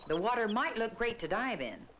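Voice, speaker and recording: A woman's voice: on the high side, expressive, brisk, fairly bright tone, highs cut off. A woman reading scripted narration for a 1970s educational film in a cautionary storytelling manner. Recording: noisy vintage film soundtrack.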